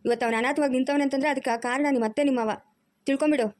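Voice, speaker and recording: A woman's voice: sits high, fairly even intonation, very fast, natural voice. A middle-aged woman playing a stern, wounded mother who scolds her family firmly in a home drama. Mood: stern scolding. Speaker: mother-in-law. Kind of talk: amateur family drama acting.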